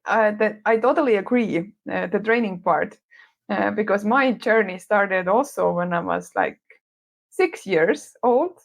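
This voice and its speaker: A woman's voice: mid-range voice, a little slow, vocal fry. Woman co-hosting a podcast. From Estonia. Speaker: podcast co-host. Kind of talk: casual podcast conversation.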